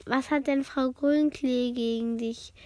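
A woman's voice: sits high, fairly even intonation, slow pace, mellow, no room sound. A woman reading as a friendly, chatty schoolboy.

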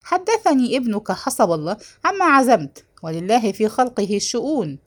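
A woman voicing a harsh, sharp-tongued male neighborhood chief who scolds in a read-aloud story. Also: fairly high pitch, big pitch swings, fairly quick. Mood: scolding.

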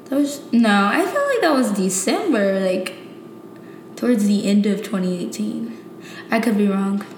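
A woman's voice: expressive, moderate pace. Young woman chatting in an echoey kitchen. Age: young adult. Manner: informal, slangy. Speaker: podcast co-host. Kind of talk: casual podcast chat. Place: kitchen of an apartment. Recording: echoey room, faint low rumble.

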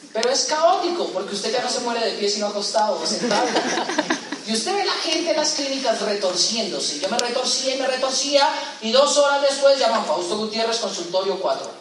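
A man's voice: extremely high pitch, brisk, noisy background. A Colombian man doing stand-up comedy, telling a story to a live audience and acting out each character in it. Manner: animated, acts out every character in the anecdote. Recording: very echoey hall, mic from a distance.

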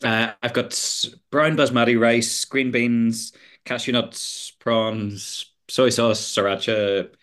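A man's voice: mid-range voice, steady tone, slow, fairly bright tone. A man chatting casually as an interview guest, hesitant and often repeating words as he thinks. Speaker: podcast guest, runner.

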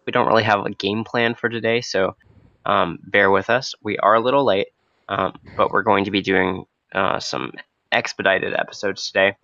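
A young man with a low, froggy voice, hoarse from a cold, hosts a podcast off the cuff. His delivery is casual and hesitant, with a bright, forward edge. The recording is close and dry. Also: steady tone, normal speed, dry recording, lo-fi sound. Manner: hesitant, loosely unscripted. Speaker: podcast host. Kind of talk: casual, spontaneous podcast talk.

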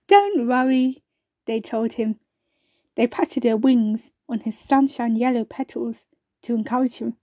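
A woman reading a children's storybook aloud in a gentle, unhurried way, now and then turning to ask the listener questions. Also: fairly high pitch, level tone, no echo, studio quality.

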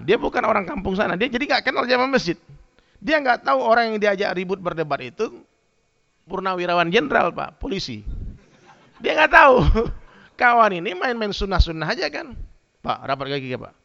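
A man giving a humorous sermon, telling lively stories and addressing his listeners directly. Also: sits high, fairly quick, vocal fry. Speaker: preacher. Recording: dull lo-fi sound.

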